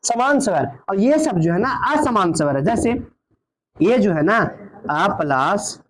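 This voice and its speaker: A man's voice: high-pitched, expressive, a little slow. A man teaching a grammar lesson. He asks questions and answers them himself, and he draws out each vowel sound.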